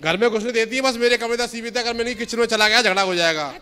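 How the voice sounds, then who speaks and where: Bright, high-voiced complaining man. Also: very fast. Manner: complaining, explaining a household grievance. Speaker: audience member asking a question. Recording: reverberant hall.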